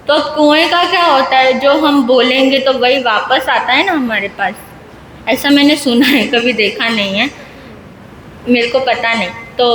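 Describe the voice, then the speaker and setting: A woman with a high voice tells a simple moral story to a seated audience, stopping to ask them questions. She speaks in a large hall with a long echo. A faint hum runs underneath. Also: a bit bright. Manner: questions the listeners, simple conversational telling. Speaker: speaker at a religious gathering.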